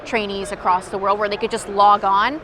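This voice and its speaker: A woman's voice: mid-range voice, flat delivery, brisk. A woman company representative explaining a product conversationally in a demo at a trade show. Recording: busy outdoor trade-show crowd noise.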